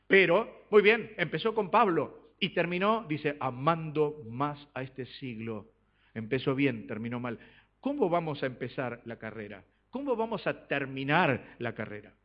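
A man preaching a sermon in church, swinging between loud exhortation and soft asides and asking the congregation rhetorical questions. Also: a little high, animated, measured pace. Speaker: pastor. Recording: dull lo-fi recording.

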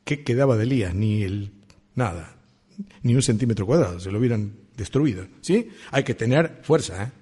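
Husky Rioplatense preacher. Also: male voice, on the low side, expressive, moderate pace, warm tone. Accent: Rioplatense Spanish. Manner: conversational, asks the congregation questions. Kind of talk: sermon.

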